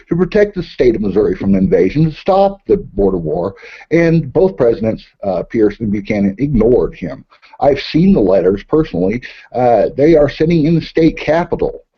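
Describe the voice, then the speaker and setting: A man co-hosting a political talk show who speaks emphatically but keeps pausing on "uh.". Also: medium pitch, husky. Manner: emphatic, hesitant with frequent "uh" fillers. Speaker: co-host. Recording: dull muffled lo-fi audio.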